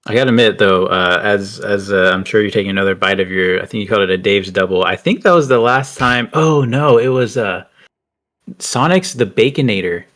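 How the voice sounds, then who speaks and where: A man commentating a drift racing event, excitable and chatty, a little out of breath. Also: on the low side, a little fast. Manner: excitable, chatty, laughs easily.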